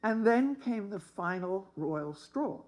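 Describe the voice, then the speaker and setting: Older woman in her seventies, dry wit, tells her story slowly to a room of listeners. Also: mid-range voice, lively intonation, darkish tone, poor audio. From England. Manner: wry, humorous. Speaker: speaker. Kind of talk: personal storytelling talk.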